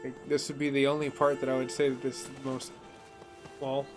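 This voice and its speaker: Man griping over loud game music. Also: mid-range voice, monotone, fairly quick. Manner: complaining, critical. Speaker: gamer commentating over gameplay. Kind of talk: casual gameplay commentary. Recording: loud game audio behind voice. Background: loud game music and game audio.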